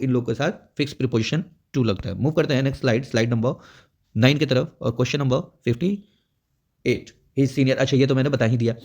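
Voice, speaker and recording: A man's voice: medium pitch, a little mellow. A man teaching an exam prep grammar lesson, explaining step by step and checking in often. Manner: explains step by step with frequent "theek hai" check-ins.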